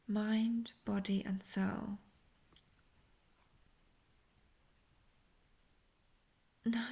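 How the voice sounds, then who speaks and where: A woman playing a seductive, manipulative, obsessive witch in an intimate audio roleplay, coaxing and teasing the listener with soft talk that slips into near-whispers. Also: mid-range voice, creaky, muffled recording. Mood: possessive, infatuated.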